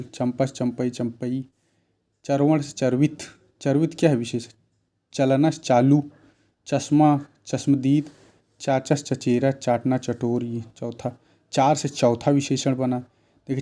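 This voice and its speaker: Man, grammar teacher, mellow dark voice, rapid word-list drills, quizzes himself aloud. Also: mid-range voice. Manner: rattles off word lists, asks and answers his own questions. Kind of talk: grammar lesson.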